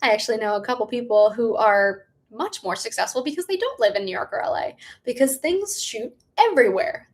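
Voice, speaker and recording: A young adult woman hosting a casual livestream, answering viewer questions in a bubbly, chatty manner. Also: on the high side. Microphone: live stream setup.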